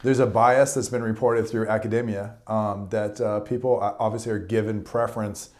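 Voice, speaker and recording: Halting casual man, low voice. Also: little pitch movement, darkish tone. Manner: loose, profane, halting restarts. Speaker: podcast co-host. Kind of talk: casual chat.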